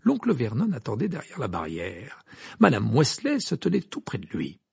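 A man narrating an audiobook in an expressive, measured way. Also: mid-range voice, vocal fry, breathy edge, no echo.

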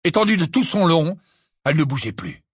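Expressive male audiobook reader. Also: on the high side, fairly quick, breathy edge, no room sound, studio quality. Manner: expressive, dramatic reading. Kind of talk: audiobook narration.

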